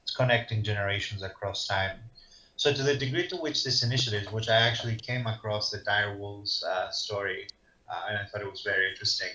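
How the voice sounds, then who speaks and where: A man's voice: fairly low pitch, fairly quick, sharp tone. A man in his thirties, originally from Greece, answering interview questions over a video call, hesitant with many ums and restarts. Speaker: guest, social psychologist. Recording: dull lo-fi call audio.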